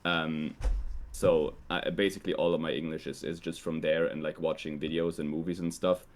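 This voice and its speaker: Deep-voiced and laid back, this young adult guest from Switzerland, a native Swiss German speaker, chats casually at a moderate pace. He sounds hesitant and uses "like" and "um" a great deal.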